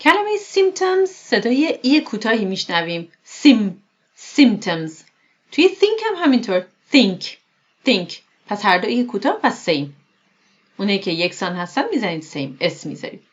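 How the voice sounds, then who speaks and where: A woman whose first language is Persian, teaching English vocabulary. She reads English examples slowly and then explains them quickly. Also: a little high, very animated. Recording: dull lo-fi recording.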